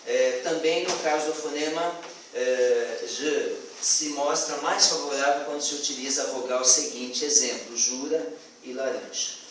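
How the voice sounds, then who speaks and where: A man's voice: medium pitch, unhurried, slight background noise. A man giving a student class presentation, hesitant, with many fillers and restarts. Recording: echoey classroom from far off.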